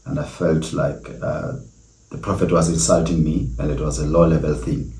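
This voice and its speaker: Very deep, flat-voiced South African man. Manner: earnest, reflective storytelling with many pauses. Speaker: podcast host. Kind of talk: solo podcast monologue. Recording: echoey room.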